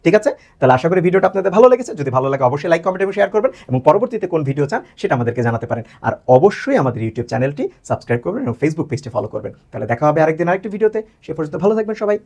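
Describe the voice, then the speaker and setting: A male English teacher with a Bangladeshi Bengali accent giving a grammar lesson, who asks questions and answers them himself and repeats words slowly to show how they sound. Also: fairly high pitch, sing-song, creaky, a little mellow.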